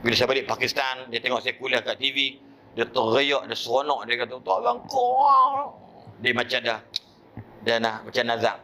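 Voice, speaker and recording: A male preacher with a Malaysian Malay accent delivering a mosque sermon through lively storytelling and acted-out voices. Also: medium pitch, fairly quick, slight background noise.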